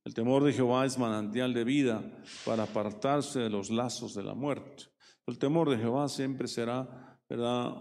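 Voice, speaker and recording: A man with a gravelly, creaky voice preaches a Bible study sermon. He reads verses aloud and explains them, often checking in with his listeners and correcting himself as he goes. His voice rings out with a long reverb, as if in a large hall. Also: mid-range voice, darkish tone. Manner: frequent tag questions and self-corrections, leans into quoted verses.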